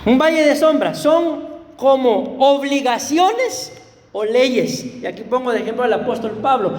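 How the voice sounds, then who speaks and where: Costa Rican male pastor, high voice, storytelling sermon, echoey church hall. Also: animated, a little slow, darkish tone, a little hiss or hum. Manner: storytelling, laughing, addressing congregation as beloved brothers.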